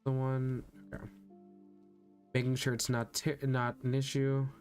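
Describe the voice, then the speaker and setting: Monotone and measured, a medium-pitched male voice streams a voice acting practice session with soft background music playing. He chats informally in casual livestream fashion, thinking out loud and frequently repeating himself.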